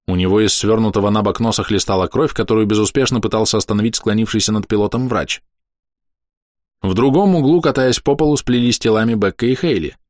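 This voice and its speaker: A man reads a first-person novel aloud in an expressive, lively way. His voice is fairly low, and the recording is close and dry, with no room sound. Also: no echo. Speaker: audiobook narrator. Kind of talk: first-person audiobook narration.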